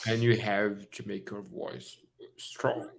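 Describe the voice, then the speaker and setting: A man's voice: lowish voice, little pitch movement, slow pace, creaky. A man with a Brazilian accent chats easily as the host of an interview. He wanders from one thought to the next, restarts sentences, and laughs often. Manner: chatty, laughs often, jumps between thoughts. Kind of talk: casual interview chat.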